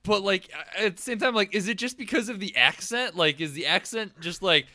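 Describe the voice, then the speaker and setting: A man's voice: high voice, brisk, pushed and bright. A man co-hosting a podcast, cutting in with wry, profane remarks in casual movie chat. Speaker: podcast co-host.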